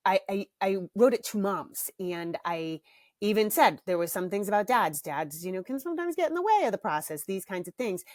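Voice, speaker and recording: This is a casual solo podcast from a middle-aged woman who hosts the show and writes about parenting. She talks in a candid, chatty way, laughs readily, and lets out a slight cough. Her pitch is fairly low, and the studio-quality recording has no room sound.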